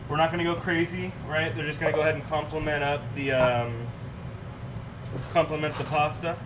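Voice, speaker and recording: Young guy doing a home cooking stream, kinda high voice, mic a ways off, ac hum and dishes clanking. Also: steady tone, brisk. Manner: laid-back, chatty, talks to viewers in chat while cooking. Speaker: cooking show host. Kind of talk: casual livestream cooking chat. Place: home kitchen, indoors. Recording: distant mic with clear room noise.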